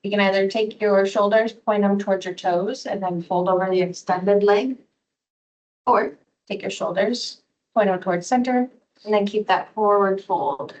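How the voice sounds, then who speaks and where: A woman yoga instructor leading a restorative class in a soothing, gently encouraging manner. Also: mid-range voice, steady tone, moderate pace, lo-fi sound.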